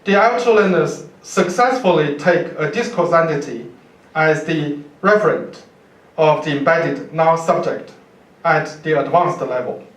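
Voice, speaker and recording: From notes at a podium in a university lecture room, a Chinese-accented professor speaks haltingly and deliberately, repeating words as he lectures. He has a slightly high voice, recorded by a far camera microphone with a roomy, distant quality.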